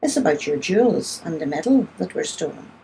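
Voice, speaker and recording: A woman's voice: on the low side, very animated, fairly quick, warm tone, slight background noise, rough recording. A woman voicing a canny, polite country poacher, a grown man who speaks deferentially and persuasively.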